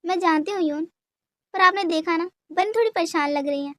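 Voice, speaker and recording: A woman voicing a concerned mother who probes gently. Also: extremely high pitch, a little fast, dry recording. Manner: gently probing.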